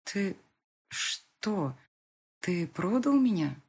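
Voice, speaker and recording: A woman reading an audiobook, voicing a distraught young heroine in a husky, pleading voice. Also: medium pitch, big pitch swings, very slow, darkish tone, heavily acted. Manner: pleading, tearful.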